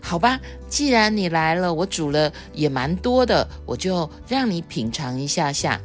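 A woman's voice: fairly low pitch, very animated, normal speed, soft background music. A woman voicing a generous, hospitable old woman cook from a picture book she is reading aloud. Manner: warm and hospitable.

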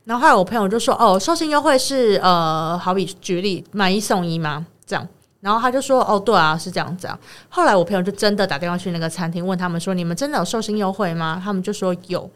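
Taiwanese woman, podcast co-host, rapid rambling storyteller, mid-pitched. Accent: Taiwanese Mandarin. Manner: rambling retelling of a friend's story, many fillers. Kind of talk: casual chat, storytelling.

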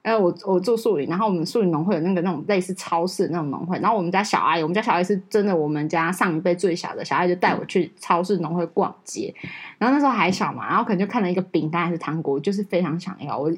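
A woman telling a childhood story in a casual podcast chat, animated and laughing. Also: fairly low pitch, very fast, husky. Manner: animated storytelling, laughing while quoting curses. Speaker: podcast co-host.

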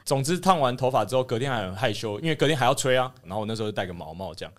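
A man's voice: medium pitch, lively intonation, very fast. A young man with a Taiwanese Mandarin accent, a podcast co-host telling a long story in casual chat, rambling and sheepish, with many restarts.

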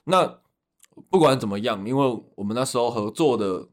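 A man's voice: medium pitch, expressive, normal speed. A man with a Taiwanese accent hosting a podcast in a casual, conversational style. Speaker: podcast host. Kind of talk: casual chat.

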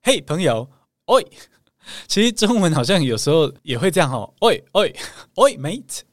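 A man's voice: a little high, big pitch swings, normal speed, no room sound, studio quality. Playful man hosting a podcast. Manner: playful, teasing storyteller with exclamations. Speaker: podcast host and English speaking coach. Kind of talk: storytelling podcast lesson.

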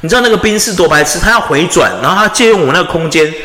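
A young man from Taiwan, host of a casual chat podcast, telling stories in an animated way, swearing and acting out quarrels loudly. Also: sits high, racing. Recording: echoey room with long reverb.

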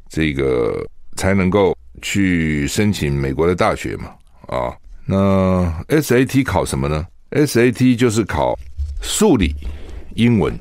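A male talk radio host from Taiwan with a low voice that swings up and down a lot. His commentary is chatty and full of rhetorical questions, recorded at a dry studio mic. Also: darkish tone, no echo. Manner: chatty, asks rhetorical questions, laughs at own stories. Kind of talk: solo news commentary.

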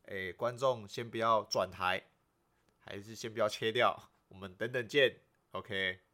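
A Taiwanese man with a low yet bright, forward voice hosts a casual podcast. He explains sayings in an agreeable, conversational way, repeating short phrases as he goes. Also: steady tone, unhurried. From rural western Taiwan. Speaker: podcast host.

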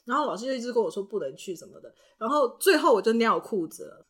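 A young woman telling stories on a casual podcast, her voice set a little high and swooping widely as she acts out little scenes from her childhood. She laughs often and keeps her voice chatty and expressive. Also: a little fast, slightly rough. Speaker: podcast co-host. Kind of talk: casual chat, storytelling.

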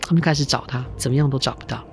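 A middle-aged woman narrates a spooky tale as a podcast host, her voice carrying a gravelly texture. She talks in a chatty way, turning to her listeners with asides and little laughs. Soft music plays faintly behind her. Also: rumbling low, racing.

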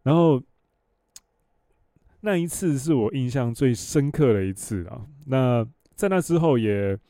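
A man's voice: medium pitch, animated, measured pace, mellow, no echo, studio quality. A man in his thirties with a Taiwanese Mandarin accent, hosting a solo podcast and telling rambling stories in a blunt, cursing way. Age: 30s. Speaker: podcast host. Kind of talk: casual solo podcast storytelling.

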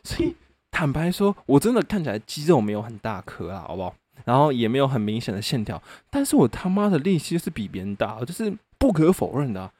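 A man's voice: medium pitch, sing-song, fast, a little mellow, no room sound. A young man with a Taiwanese Mandarin accent, telling casual stories on his podcast. He swears often and laughs in the middle of sentences. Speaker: podcast host. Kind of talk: casual solo storytelling.

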